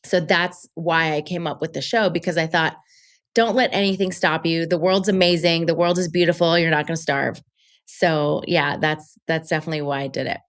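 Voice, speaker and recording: A woman's voice: sits low, fairly even intonation, moderate pace. A woman guest on an interview podcast, chatting casually and upbeat about her work, with many fillers. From Colombia. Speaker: podcast guest, travel show creator.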